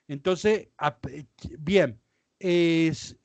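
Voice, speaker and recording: A priest with a Rioplatense Spanish accent teaches a Bible class, explaining patiently and often checking that listeners follow with asides like ¿sí? and ¿ven?. His voice is a little high and extremely slow, and the recording is dry.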